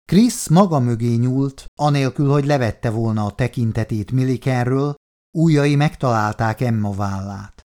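Man reading an audiobook, measured. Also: medium pitch, dark tone. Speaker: audiobook narrator. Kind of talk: scripted narration.

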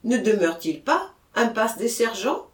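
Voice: medium pitch, very animated, normal speed, voice pushed up, close to an everyday voice. A reader voicing a cheerful village doctor who asks offhand questions, in a storybook reading with a roomy echo. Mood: jovial. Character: jovial village doctor, middle-aged man.

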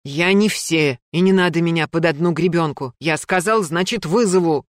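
A woman's voice: fairly low pitch, normal speed, no echo, clean studio sound, lightly acted. A woman reading a story, voicing a stubborn male police officer who insists emphatically and defensively. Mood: insistent.

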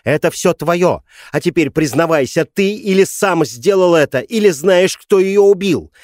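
Man doing a hysterical grieving woman, shrieking, vengeful, audiobook character, raised high voice, dry sound. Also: fairly even intonation, moderate pace, no room sound, natural voice. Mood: hysterical rage. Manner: shrieking, furious accusations.

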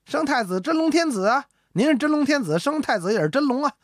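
A woman voicing a quick-witted court scholar who is flustered, fawning and quick to improvise. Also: high voice, animated, no room sound, clean studio sound, pitched above the performer's own voice.

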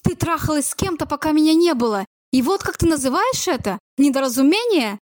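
A woman voicing a furious, betrayed young man who shouts bitter accusations, in an audiobook read in a dry close voice. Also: high voice, very animated, brisk, no echo, pitched above the performer's own voice. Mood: angry.

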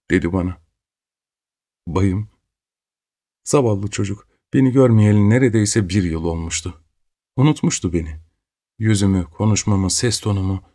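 A man reading a story aloud in a slow, grave and intense manner. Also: low voice, a little mellow, breathy edge. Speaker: narrator. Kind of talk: dramatic audiobook narration.

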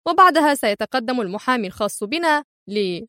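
Casting: woman voicing a mocking, insolent thin crook, higher voice, dry close sound. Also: animated, a little fast, sharp tone, dry recording. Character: sneering thin male criminal, mocking and nervous.

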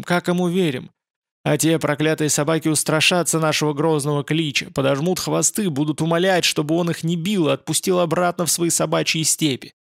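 A man voicing a loud, fiery male crowd leader who rouses the mob. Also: on the high side, vocal fry, no room sound, studio quality. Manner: shouting, fiery.

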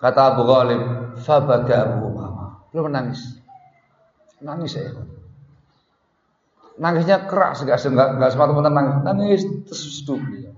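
A man's voice: medium pitch, lively intonation, moderate pace, pauses often. A man giving a religious lecture, telling a story and often repeating words and Arabic phrases for emphasis. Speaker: Islamic preacher. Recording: muffled echoey hall recording.

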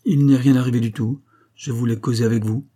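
A man's voice: medium pitch, brisk, dark tone, breathy edge, lightly acted. A man reading the part of a haughty young woman who speaks curtly and with disdain. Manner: curt, disdainful. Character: haughty, cold young woman, curt and bored.

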